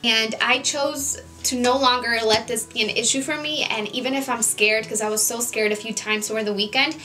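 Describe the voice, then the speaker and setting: A woman's voice: fairly high pitch, steady tone, moderate pace, sharp tone. A young woman in her twenties chatting casually on her vlog, earnest and full of "like" and "you know" fillers. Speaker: beauty vlogger. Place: home, Southern California.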